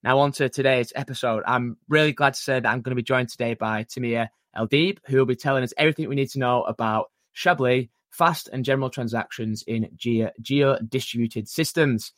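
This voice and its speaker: A man hosting a podcast interview, talking in a relaxed, chatty way with many fillers. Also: mid-range voice, fairly quick, few pauses, no room sound, clean studio sound. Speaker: podcast host.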